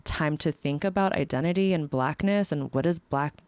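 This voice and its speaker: A woman guest talking in a relaxed, reflective way with many fillers, in a casual conversation. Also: deep voice, moderate pace, smooth, no echo. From born in the United States, raised partly in Ethiopia. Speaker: guest, film series organizer.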